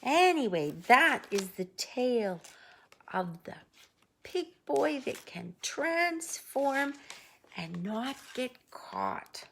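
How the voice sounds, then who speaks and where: A woman reading a picture book aloud expressively, with drawn-out phrases, casual asides and a breathy, husky voice. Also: high voice, big pitch swings, slight background noise. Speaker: storybook reader.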